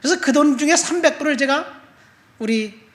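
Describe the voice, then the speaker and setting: A middle-aged male pastor preaching a sermon, telling a personal testimony and moving between soft asides and loud emphatic appeals. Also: extremely high pitch, moderate pace. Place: church sanctuary. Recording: echoey church room.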